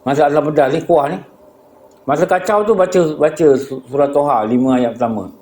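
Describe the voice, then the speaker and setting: A man's voice: a little high, brisk, a little mellow. A man with a Malaysian Malay accent giving a mosque lecture, telling a story with rhetorical questions and acting out the dialogue. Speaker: religious teacher. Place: prayer hall. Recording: echoey prayer hall.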